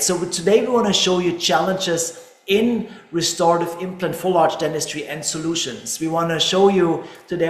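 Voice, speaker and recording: A man's voice: a little high, roomy sound. Chatty man hosting a dental webinar. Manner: chatty, many tag questions and restarts. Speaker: webinar host, dental lab co-owner. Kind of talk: casual webinar presentation. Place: dental laboratory.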